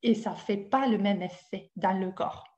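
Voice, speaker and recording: A woman's voice: medium pitch, unhurried, highs cut off. Woman with an Italian accent, hosting a webinar. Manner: warm, engaging, asks the audience questions, many hesitations. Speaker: dance-movement therapist leading a webinar. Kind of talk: live webinar talk.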